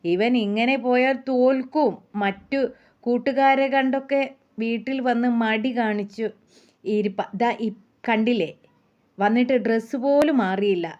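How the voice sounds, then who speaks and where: A woman's voice: a little high, measured pace, darkish tone, natural voice. A woman voicing an exasperated housewife in her thirties who complains about her lonely life. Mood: weary complaining. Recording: muffled lo-fi.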